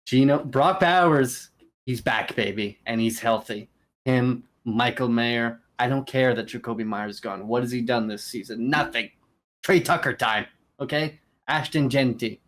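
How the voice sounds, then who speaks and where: Excitable male podcast host, mid pitch, casual banter, laughs a lot. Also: measured pace. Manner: excitable, laughs often, hypes his picks. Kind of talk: casual sports chat.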